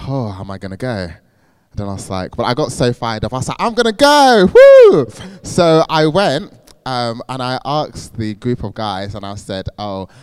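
A man's voice: lowish voice, clean tone, no room sound, clean studio sound. A young man giving a talk on evangelism, telling a testimony story in a chatty way with many fillers. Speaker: speaker.

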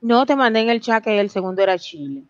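A woman's voice: on the high side, lively intonation, fast talker, no echo. A woman co-hosting a show, presenting facts about countries and laughing easily at her partner's jokes. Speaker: radio co-host. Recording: dry, dull lo-fi sound.

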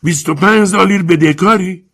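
A man voicing a furious, indebted landowner in an audiobook, shouting his words indignantly. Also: on the high side, expressive, breathy edge, voice pushed up. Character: furious male landowner in debt. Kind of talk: audiobook character voice.

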